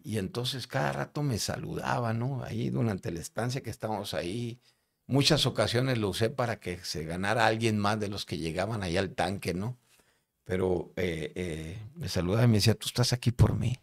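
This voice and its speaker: A man with a Mexican Spanish accent, a podcast guest telling a personal testimony in a casual, slangy way, often repeating words as he goes. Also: lowish voice. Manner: halting, with many repeated words.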